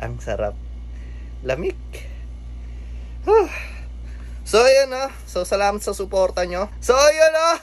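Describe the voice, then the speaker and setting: This computer shop owner from the Philippines has a high voice whose pitch swoops wildly, and he talks slowly with long pauses. Easygoing and often laughing, he chats casually for his vlog, a bit short of breath amid slight background noise.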